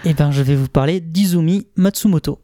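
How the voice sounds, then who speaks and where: A man's voice: fairly high pitch, brisk, noisy background. A man co-hosting a casual podcast, talking sentimentally with many hesitations and restarts. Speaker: podcast co-host. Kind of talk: casual chat and personal segment.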